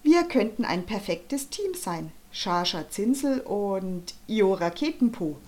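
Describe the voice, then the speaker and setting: A woman's voice: medium pitch, big pitch swings, slow, darkish tone. A woman reading an audiobook, voicing a cheeky, confident young girl who talks boldly and boastfully. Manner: bold, bubbly, boastful. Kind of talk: audiobook character voice.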